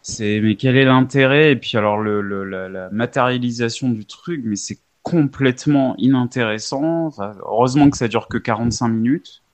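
A man's voice: mid-range voice, normal speed, few pauses. A man, co-hosting a casual film podcast, stammering and blunt in his opinions. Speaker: podcast co-host.

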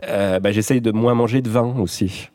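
A man's voice: lowish voice, steady tone, normal speed, mellow. A man from the Vosges, an author who is a guest, talking in a hesitant, self-mocking way, often laughing. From Vosges, France. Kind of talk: casual chat.

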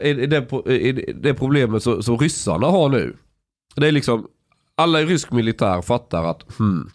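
A man's voice: mid-range voice, darkish tone, dry recording, studio quality. A man on a podcast, chatting casually, jumping in and arguing his point at length. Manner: opinionated, interjects and argues a point. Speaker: podcast host. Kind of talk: casual chat.

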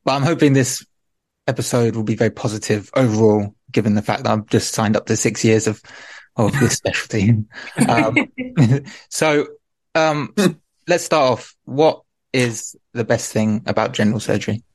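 A man's voice: fairly low pitch, normal speed, no echo. Dry-recorded man hosting a podcast. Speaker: podcast co-host, surgical trainee.

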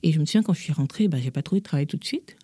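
A woman's voice: low-pitched, rapid-fire, husky, no room sound, studio quality. A young woman from Gabon, a podcast guest, telling her life story with candor and acting out the people she quotes. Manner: lively, acts out quoted voices. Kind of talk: candid personal storytelling.

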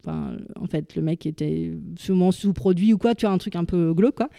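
Woman, casual storyteller, slangy and halting, mellow dry voice. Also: fairly low pitch, gravelly, dry recording. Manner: chatty, halting, full of fillers and slang. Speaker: storyteller guest. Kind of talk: casual personal anecdote.

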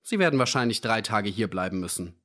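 A man's voice: lowish voice, lively intonation, fast, fairly bright tone. A man voicing an irritable police desk sergeant who talks in a dry, sarcastic way.

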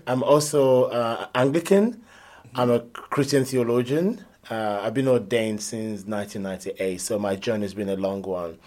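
A man, talking earnestly and reflectively as an interview guest. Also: mid-range voice. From Nigeria. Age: 50s. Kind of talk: conversational interview.

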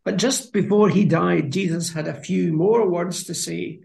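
Man with a really gravelly voice, kinda high, earnest bible chat, echoey room. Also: steady tone, unhurried, darkish tone. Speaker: Bible study co-host. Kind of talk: conversational Bible discussion.

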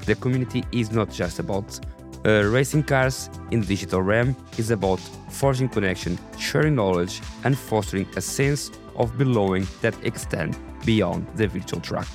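A man with a raspy voice and non-native English, hosting a podcast in a scripted narration style. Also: on the low side, normal speed, over music. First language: not English. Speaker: podcast host.

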